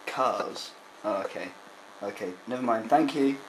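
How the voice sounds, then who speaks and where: In a dim room at home, a young man prank-calls someone, feigning sincerity as he asks things in a polite, hesitant way. He speaks unhurriedly at a medium pitch. A handheld camera close by records it, and the amateur camcorder sound carries noticeable noise.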